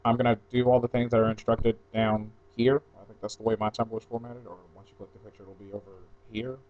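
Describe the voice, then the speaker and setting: Speaking quickly in a lowish voice with little pitch movement, a young man records an audio blog post at home, the lo-fi sound slightly dull. He's from New Jersey, raised mostly in Atlanta, and chats offhandedly through a questionnaire with digressions.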